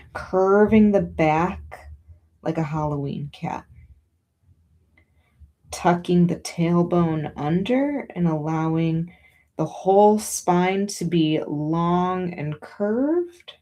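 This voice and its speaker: A woman with a lowish voice leads a yoga and breathing session, guiding each movement with gentle, soothing, unhurried encouragement.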